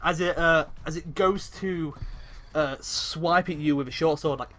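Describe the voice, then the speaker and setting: A man's voice: on the high side, measured pace, sharp tone. A man running a tabletop game as game master, narrating the action in a hesitant, apologetic way, full of fillers and restarts.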